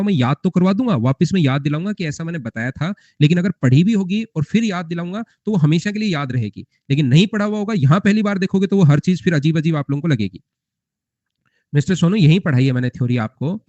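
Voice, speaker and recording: A man's voice: on the high side, a little mellow, dry recording. A young man teaching a math class live, repeating points and quizzing his students with rhetorical questions. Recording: muffled lo-fi recording.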